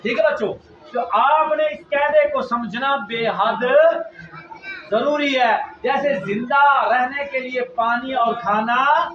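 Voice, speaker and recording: A man teaching children to read the Quran, drilling them with repeated questions and loud emphasis, with a Pakistani Urdu accent. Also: very high-pitched, slow pace. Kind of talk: classroom lesson to children. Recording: echoey, distant, muffled, noisy room.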